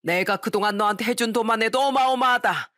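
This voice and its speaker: A woman's voice: fairly high pitch, fast talker, no room sound, studio quality, soft background music, pitched above the performer's own voice. A woman reading an audio story, voicing an angry elderly father-in-law who scolds his greedy son. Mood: furious. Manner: shouting, scolding.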